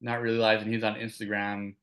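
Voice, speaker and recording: Male sports-talk host, low pitch, easygoing, leads the conversation. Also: little pitch movement, fairly quick, a bit bright. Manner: easygoing, steers the topics.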